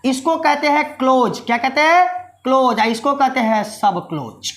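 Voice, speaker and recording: A woman teaches a commerce class in a high, bright voice. She fondly addresses her listeners as children. She keeps firing quick questions at them and answering them herself. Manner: quizzes students with repeated rhetorical questions. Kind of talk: explanatory class lesson.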